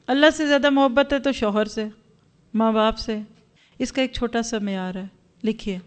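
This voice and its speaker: A woman from Pakistan, giving an earnest religious lesson to a class of women and questioning them directly. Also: a little high. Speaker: religious teacher.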